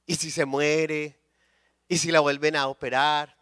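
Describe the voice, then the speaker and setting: Guy preaching a testimony sermon, acts out the back-and-forth, high crisp voice, dry sound. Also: flat delivery, unhurried, a bit bright, no room sound. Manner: storytelling, acts out dialogue, checks in with "¿sí?". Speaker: conference speaker.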